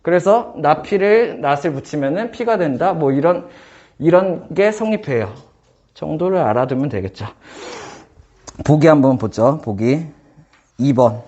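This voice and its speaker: A man teaching math in a casual one-on-one lesson, firing quick questions at his student and joking. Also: a little high, expressive, a little mellow, dull audio. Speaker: math tutor.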